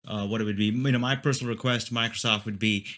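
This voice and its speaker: A man hosts a relaxed video call, asking down-to-earth questions about the tech. His voice is bright and forward, and he jokes easily as he goes. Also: on the low side, fast talker. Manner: jokey, asks plain questions, laughs along. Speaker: host. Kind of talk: casual chat on a video call.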